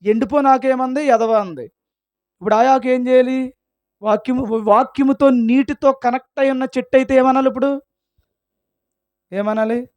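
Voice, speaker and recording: A man's voice: very high-pitched, fairly even intonation, normal speed, pauses often, a little mellow, no echo. A man preaching a sermon as pastor, firing rhetorical questions and answering them himself, acting out everyday scenes. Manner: acts out quoted voices in everyday scenes.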